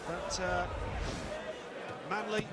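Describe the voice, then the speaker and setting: A man's voice: high voice, flat delivery, extremely slow. A man calling live darts as lead commentator, in clipped play-by-play phrases. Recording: very loud crowd noise behind. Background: loud darts arena crowd.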